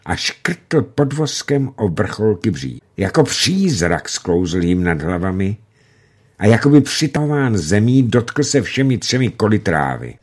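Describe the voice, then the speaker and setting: A man reads a war novel aloud for radio, measured and dramatic, slowing at tense moments. His voice is deep and husky, with a slightly rough edge. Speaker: narrator. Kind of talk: scripted narration of a novel.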